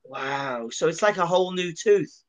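A man's voice: fairly high pitch, lively intonation, measured pace. A man hosting a casual interview, friendly and rambling, often restarting his questions midway.

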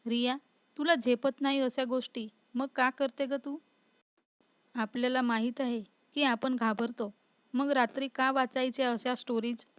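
A woman reading aloud gives voice to a playful young husband who keeps needling his wife. The tone is light and mocking, slightly high, and the voice sits dry and close. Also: steady tone, measured pace, a bit bright, clean tone, no echo. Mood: teasing.

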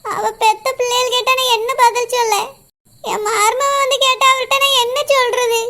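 Woman doing a super high bright cartoon mom, crying, pleading, can't stop worrying. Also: little pitch movement, moderate pace. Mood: tearful. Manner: tearful, pleading. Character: grieving village mother, middle-aged woman.

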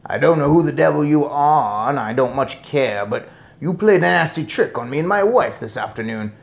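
A furious English father from a children's story blusters loudly, his gravelly voice climbing in pitch as he splutters pompously. He speaks at normal speed with animated delivery.

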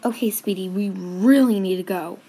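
A woman's voice: mid-range voice, moderate pace, dark tone, slightly rough. Woman doing a weary mother of two, grumpy and sighing, in a home-made skit.

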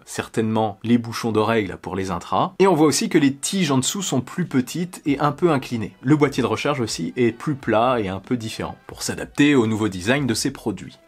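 A man's voice: medium pitch, husky. A man in his thirties talking to camera in a casual tech vlog, chatty and speculative. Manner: chatty, speculative, lively gestures. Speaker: tech YouTuber. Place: small indoor room with posters and shelves.

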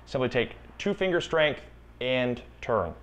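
Speaking at a measured pace, this young man in his twenties sounds animated, his voice sitting at a medium pitch. He hosts a gardening channel and is giving a casual canning demonstration in a home kitchen, recorded on a lapel mic. His manner is chatty and instructive, with key warnings said more than once.

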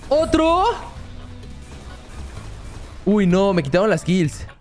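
A young man from commenting on his gameplay with excitement, talking straight to his viewers. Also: high-pitched, normal speed, faint music behind. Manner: excitable, addresses viewers as family. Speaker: gaming YouTuber.

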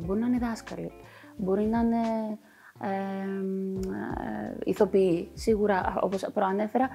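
A woman's voice: medium pitch, mellow. A woman working as a voice coach, explaining her work in a TV talk show interview with many fillers.

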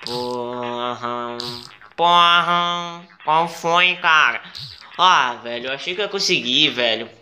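A man with a Brazilian accent doing gameplay commentary, exclaiming, swearing and pleading at the game, with sudden high yelps. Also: moderate pace, bright, forceful tone, soft background music. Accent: Brazilian Portuguese. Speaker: gaming video creator.

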